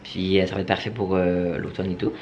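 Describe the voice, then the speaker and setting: A young man with a Quebec French accent talks casually to his camera at home, hesitating often and filling pauses. His voice sits fairly low. A faint hiss lies under the recording. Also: little pitch movement, a little mellow, dull audio. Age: young adult. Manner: chatty, full of fillers and hesitations. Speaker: vlogger. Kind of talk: casual vlog chat. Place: at home, indoors.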